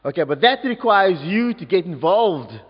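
A man's voice: sits high, normal speed, breathy edge. A man leading an interactive children's story at a church service, coaxing the audience to join in with actions. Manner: animated, coaxing audience participation. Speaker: youth leader telling a story at a service. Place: large church. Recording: dull echoey church recording.

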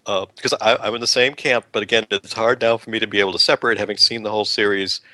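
A man's voice: fairly low pitch, steady tone, quick pace, pushed and bright, dry recording. A man co-hosting a podcast in casual chat, rambling with restarts and fillers and laughing often. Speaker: podcast co-host.

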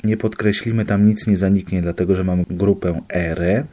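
Low, husky man; student walking peers through examples methodically, lesson style. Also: fairly even intonation, moderate pace, warm tone. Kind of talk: explanatory lesson.

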